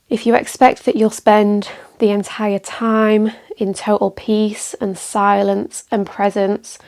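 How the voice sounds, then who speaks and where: Here a meditation teacher talks listeners through a practice in a calm, gentle manner, leaving room between phrases. Her mid-range voice has a creak at its edges, and she never rushes.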